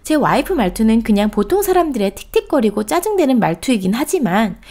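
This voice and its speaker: A woman reads a reader's submitted post aloud as a storytelling host. Her voice sits fairly high, and her pitch rises and falls in a lively way. She keeps an expressive, steady reading cadence. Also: a little fast.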